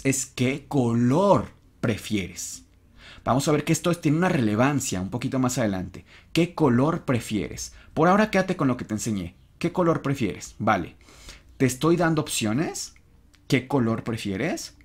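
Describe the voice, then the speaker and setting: A man gives an online English lesson in a slightly husky voice. He talks at an unhurried pace, and his pitch moves a lot. He repeats example sentences slowly and encourages the learner. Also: lively intonation. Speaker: English teacher.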